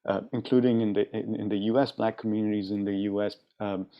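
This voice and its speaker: A man speaking as a panelist in a discussion, thoughtful and halting, with many restarts. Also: on the low side, little pitch movement, clean tone, lo-fi sound.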